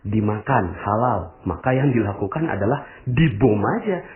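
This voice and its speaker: A man preaching a motivational sermon in speech, rhetorical and animated, often calling his listeners "Bapak Ibu". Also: lowish voice, normal speed, a loud crowd. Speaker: Islamic preacher. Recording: tinny lo-fi recording.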